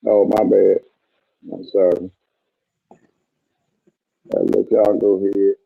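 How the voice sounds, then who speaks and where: A man's voice: deep voice, completely flat delivery, slow pace, gravelly. A man joining a casual group chat over a muffled mic that makes him sound underwater, stammering as he repeats the same question. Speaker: call-in participant.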